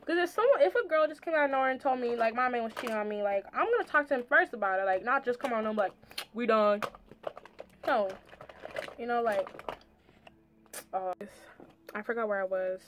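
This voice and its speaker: A woman's voice: fairly high pitch, lively intonation, quick pace, noisy background. A young adult woman giving a rambling, slangy, casual storytime as she does her makeup, with lots of "like". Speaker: makeup vlogger. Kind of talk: casual chatty storytime while doing makeup. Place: small indoor room. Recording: music playing in the background. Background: music.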